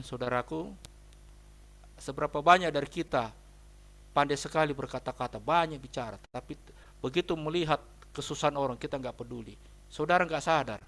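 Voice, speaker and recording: The man preaching has a rather high, fairly bright voice that is creaky and a little quick, and he pauses often. As a pastor telling his own story, he is emphatic and repeatedly speaks to listeners as brothers and sisters.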